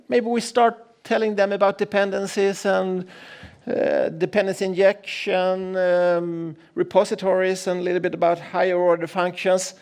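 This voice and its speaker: A middle-aged man delivers a conference keynote in a large room. His voice sits fairly high for a man, and he tells stories with dry, self-deprecating humor, stumbling over and restarting his sentences as he goes. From Sweden. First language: Swedish. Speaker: keynote speaker.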